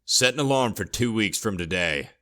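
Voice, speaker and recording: A man's voice: lowish voice, expressive, normal speed, pushed and bright. A man voicing a curt male crew leader who barks orders. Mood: commanding.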